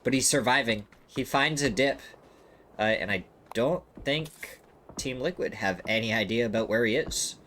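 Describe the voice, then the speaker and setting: A man commentating live on a video game match with a congested, blocked-nose sound, excitable when the action peaks. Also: moderate pace, slight background noise. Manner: excitable, voice leaps high and loud at big moments. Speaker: esports commentator.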